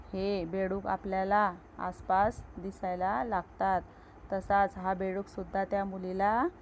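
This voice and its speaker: A woman teacher explaining a children's poem, asking the class questions and answering them herself. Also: mid-range voice. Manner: slow, patient, asks questions then answers them. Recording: slightly dull lo-fi recording with faint noise.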